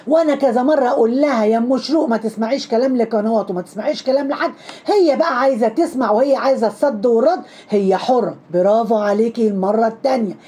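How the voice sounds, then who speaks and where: Egyptian woman, gossip commentary, rapid-fire delivery, mellow tone, sarcastic and mocking. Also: a little high. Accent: Egyptian Arabic.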